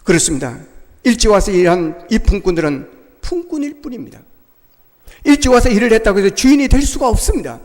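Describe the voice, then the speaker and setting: High, lively-voiced male pastor preaching. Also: a little fast, long reverb tail. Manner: emphatic preaching with rhetorical questions. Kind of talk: sermon.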